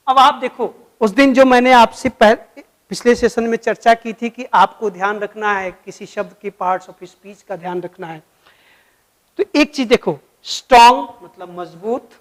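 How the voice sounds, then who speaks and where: A man's voice: high voice, fairly bright tone, poor audio. A man giving an explanatory video lesson as a vocabulary teacher, patient and friendly, spelling out words letter by letter for his viewers.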